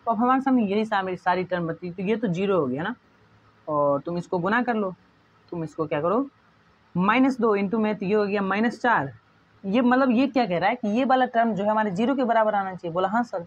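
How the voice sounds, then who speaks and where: A man's voice: high-pitched, brisk, husky, lo-fi sound. A man teaching an exam-prep math lesson in a chatty, jokey way, constantly checking whether students follow.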